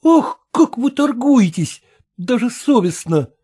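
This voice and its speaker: A reader doing a meek, put-upon man who sighs his way through a bargain. The voice sits high and lively, with a soft, reluctant manner. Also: takes it slowly, breathy edge, exaggerated voice. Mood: sighing, reluctant. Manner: sighing, soft-spoken. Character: meek, sighing male heir, wheedling.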